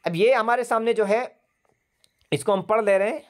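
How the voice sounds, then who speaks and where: A man's voice: high-pitched, moderate pace. A man teaching an online English grammar class over a video call, patiently repeating words and spelling them out letter by letter.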